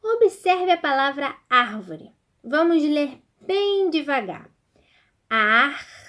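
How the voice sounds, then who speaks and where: A woman teacher with a Brazilian Portuguese accent giving a recorded remote lesson, speaking slowly and clearly, sounding out words syllable by syllable and checking in with the class. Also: high-pitched, very animated.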